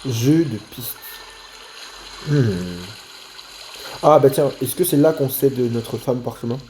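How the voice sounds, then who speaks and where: A man's voice: medium pitch, expressive, slow, warm tone, a little hiss or hum. A man thinking aloud while he plays a video game, talking playfully to his viewers. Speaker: gaming video creator. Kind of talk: let's play commentary.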